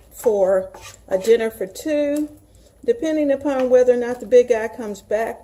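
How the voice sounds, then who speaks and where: A woman's voice: a little high, dark tone. A woman with a Southern US accent, chatting in a folksy way to viewers as she hosts a casual home cooking demonstration. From Southern United States. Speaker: home cooking show host.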